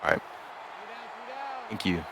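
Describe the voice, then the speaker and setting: A man giving play-by-play commentary on a video game football stream, measured and steady, rising to shouts on big plays. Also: background noise. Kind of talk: sports commentary.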